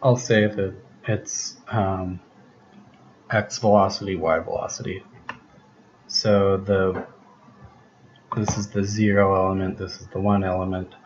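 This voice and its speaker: Man, deep voice, slow and thinking aloud, tutorial talk, dull lo-fi sound, steady hiss behind. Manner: thinks aloud, unhurried, explains step by step. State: losing his voice. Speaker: programming tutor. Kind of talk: casual screencast explanation. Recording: dull lo-fi recording with background hiss.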